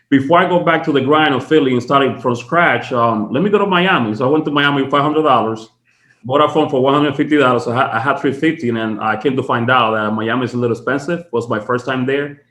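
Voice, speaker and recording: A man's voice: medium pitch, fast, a bit bright, roomy sound. A man from the Dominican Republic, a podcast guest, telling his story in casual, chatty talk full of fillers from his home office. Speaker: guest, tax strategist.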